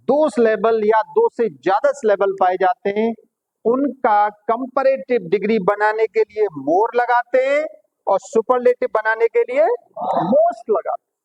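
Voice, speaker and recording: A man teaching English grammar in a classroom, explaining patiently and quizzing his pupils, calling them "beta" and checking if it's clear. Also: extremely high pitch, measured pace, darkish tone, lo-fi sound.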